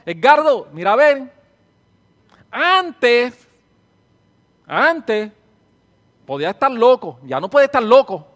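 A man preaching a sermon and leading prayer. He repeats phrases fervently, calls out listeners by name, and swings between hushed and loud delivery. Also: extremely high pitch, very animated, slow pace, long pauses.

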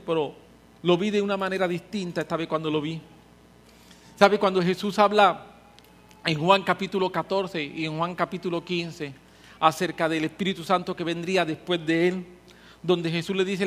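A man's voice: high voice, flat delivery, normal speed, a bit bright. A man preaching a sermon, passionate and emphatic, his volume rising and falling as he presses his points.

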